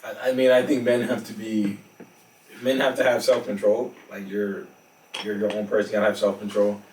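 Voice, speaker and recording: A man's voice: fairly low pitch, flat delivery, moderate pace, darkish tone, a little hiss or hum. Laid-back young man, roomy sound. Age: 20s. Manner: laid-back slang talk. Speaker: podcast host. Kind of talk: casual chat. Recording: echoey room, mic at a distance.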